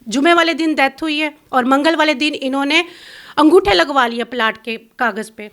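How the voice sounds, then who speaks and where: Bitter, accusing high-voiced woman. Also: a bit bright. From Pakistan. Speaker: interview guest. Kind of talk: emotional complaint in an interview.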